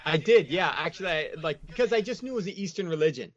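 Animated and fast, this American man has a fairly high-pitched voice. He's a guest in a casual, reflective interview, rambling loosely with plenty of "like" and "you know." The audio is dull, lo-fi and dry.

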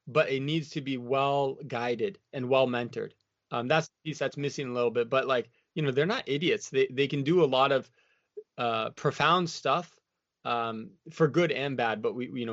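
An American man with a medium-pitched, slightly bright voice speaks at a moderate pace as an interview guest. His talk is casual and reflective, loose and rambling, packed with "you know" and "like." The recording is dull, lo-fi and dry, with no room sound.

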